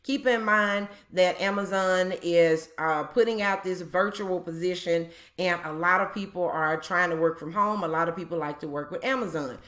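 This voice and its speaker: A woman's voice: on the low side, normal speed, few pauses, fairly bright tone. A woman hosting a job-tips video, explaining in a casual, chatty way with frequent ums and repeated points. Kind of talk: casual explainer talk to viewers.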